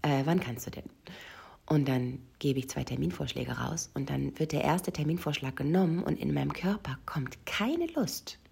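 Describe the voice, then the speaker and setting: A woman's voice: deep voice, moderate pace, gravelly, few pauses, darkish tone, breathy edge. A woman coach talking intimately to the listener in a personal monologue, often sinking into a whisper. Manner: addresses the listener directly. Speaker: session coach.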